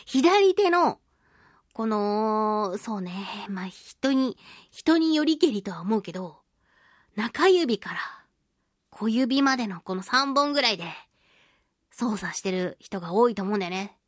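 A woman hosts a chatty solo radio show, reading listener mail and responding playfully with exclamations, giggles and lively interjections. The host is a voice actress whose medium-pitched voice moves a little slowly. The recording is studio quality, with no room sound.

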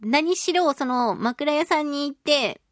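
With no room sound, this voice actress sits high in pitch and speaks a little slowly, her intonation lively. Hosting a chatty radio show right up against a studio mic, she reads listener mail in a playful, theatrical style full of mock-polite phrasing.

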